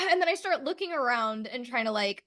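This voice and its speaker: A woman's voice: a little high, expressive, brisk, bright, forceful tone. A young adult woman co-hosting a podcast, telling her part of the story with wry humor and some swearing. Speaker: podcast co-host. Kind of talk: casual storytelling chat.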